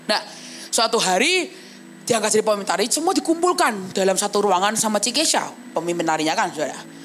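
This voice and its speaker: At a church service, a young adult woman evangelist gives a testimony sermon, recounting her own story vividly and with animation. She keeps turning to the congregation, often calling them brothers and sisters. Her mid-range voice moves a little fast, with slight background noise.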